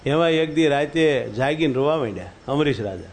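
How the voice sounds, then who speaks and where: A man's voice: fairly high pitch, lively intonation, brisk. Folksy man preaching a sermon. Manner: folksy, chanting verses in a raised voice. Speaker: religious storyteller. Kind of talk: devotional sermon with storytelling.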